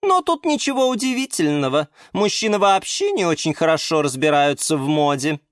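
A man's voice: a little high, big pitch swings, moderate pace, dry recording, clean studio sound, voice pushed up. A man voicing a haughty, prim female orchid, in a children's storybook. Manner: prim, sniffy.

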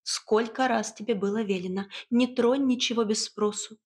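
A woman's voice: a little high, fairly even intonation, moderate pace, a little mellow, voice pushed up, natural voice. A woman playing a stern, scolding queen mother.

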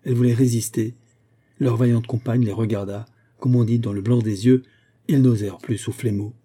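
A man giving steady scripted narration of a novel as an audiobook reader. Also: mid-range voice, moderate pace, slightly rough. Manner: steady literary reading.

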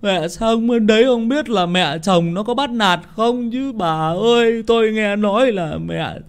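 A man voicing a fretful old father who misses his daughter, wailing in a shrill, drawn-out complaint. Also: clean tone. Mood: lamenting.

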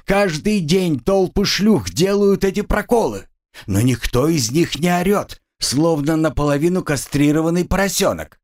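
A man's voice: fairly high pitch, animated, normal speed, darkish tone, pitched above the performer's own voice. A man voicing a sadistic adult woman captor who purrs soothing words with mocking coldness. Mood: snapping. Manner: purring, mocking, coldly soothing.

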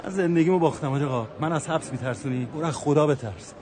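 An actor playing a poor, hot-tempered husband who shouts and interrupts during a tense court hearing. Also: male voice, a little high, a crowd in the background, close to an everyday voice. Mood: desperate.

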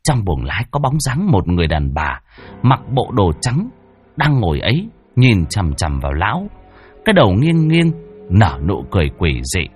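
A man's voice: deep voice, big pitch swings, moderate pace, soft background music. A man narrating a horror story in a dramatic, ominous way.

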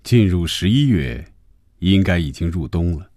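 A man narrating a novel for a radio audiobook with an expressive, fluid storytelling manner, recorded on a close studio mic. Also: low-pitched, normal speed, dry recording.

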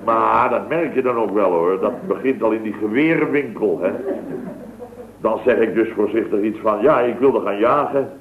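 The recording is an old radio broadcast, tinny, noisy and echoey, with a crowd in the background. A man with a lowish, natural voice at normal speed acts out a boastful wisecracker from a building firm in a 1960s sketch, rambling through a comic anecdote with punchy asides.

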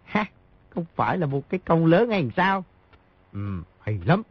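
A man's voice: on the high side, sing-song, unhurried, breathy edge, no room sound, exaggerated voice. A man voicing a cocky, greedy smuggler thug in an audiobook, with a sneering way of talking. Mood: gloating. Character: two male salt-smuggler thugs, greedy, cocky. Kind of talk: audiobook character voice. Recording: dry, slightly dull lo-fi audio.

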